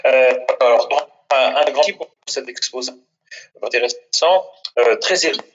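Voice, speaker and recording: A man joining a seminar discussion over a video call, hesitating with many filler pauses while his audio keeps cutting out in glitchy dropouts. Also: medium pitch, animated, vocal fry, a bit bright, distant mic, dull audio. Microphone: computer microphone on a video call.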